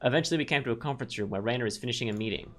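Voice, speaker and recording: Reading through a visual novel for a let's play, a man alternates narration with casual, wandering chatter. His mid-range voice comes rapid-fire over the game's background music.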